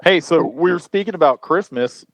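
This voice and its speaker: A man's voice: fairly high pitch, expressive, moderate pace, gravelly, dry recording. Man, podcast host, casual chat, jokey, mock accents, dry studio sound. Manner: jokey, puts on mock accents, announces guests.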